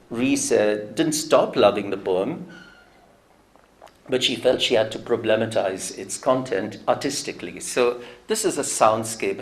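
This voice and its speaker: A man giving a public lecture, telling a story in a reflective, anecdotal way and quoting others in his own voice. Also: fairly low pitch.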